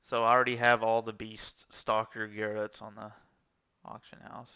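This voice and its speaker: Casual streamer man, bright, high-ish voice, rambling chat, lo-fi mic. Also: flat delivery, normal speed, clean tone. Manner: rambling storytelling, many restarts and fillers.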